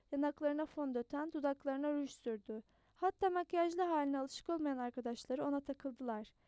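High, mellow-voiced woman reading a novel. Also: no room sound. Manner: steady, measured storytelling with occasional small restarts. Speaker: audiobook narrator. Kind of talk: scripted novel narration.

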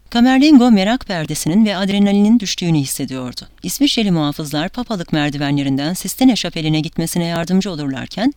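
A woman narrating an audiobook with a dramatic, measured delivery. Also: lowish voice, a little mellow, no room sound.

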